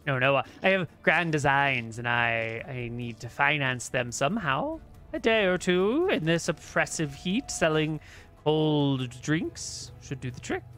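A man's voice: a little high, big pitch swings, a little slow, a bit bright, soft background music. A man voicing an ambitious, haughty female sorcerer in a tabletop game, speaking in a grandiose, condescending manner. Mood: guarded.

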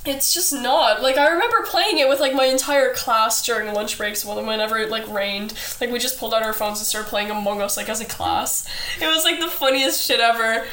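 A woman's voice: on the high side, fairly quick, a bit bright. A young woman, likely a teenager, chatting as a podcast guest, rambling with lots of "like", laughing and swearing freely. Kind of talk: casual podcast chat. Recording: echoey room with noticeable noise.

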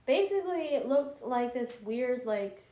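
A young woman with a fairly high voice chats loosely, rambling and circling back with plenty of fillers. She sounds like she is in an echoey room during a casual family podcast. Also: lively intonation, unhurried, mellow. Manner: chatty, rambling with many fillers. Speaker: podcast co-host.

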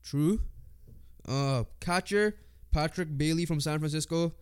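Smooth and slightly high, his congested voice keeps a measured pace. He's a sports podcast co-host talking casually, reading out lists and predictions, with offhand swearing.

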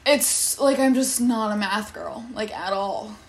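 A woman's voice: mid-range voice, unhurried. A teenage girl venting about school in a casual vlog, exasperated, swearing and saying "like" constantly. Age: teens. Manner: exasperated, swears a lot, many likes. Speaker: high school student.

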